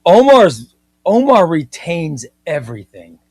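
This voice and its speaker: A man's voice: on the high side, big pitch swings, measured pace, a little mellow, husky, no echo, clean studio sound. A man in his fifties hosting a comic book livestream, chatting casually and with enthusiasm, often repeating himself. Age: 50s. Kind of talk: casual livestream chat reading viewer comments.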